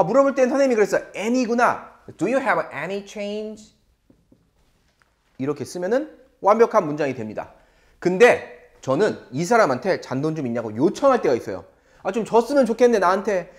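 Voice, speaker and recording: Lively Korean male English teacher. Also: high voice. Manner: lively, animated lecturing with slow drilled English phrases. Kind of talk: online English lesson.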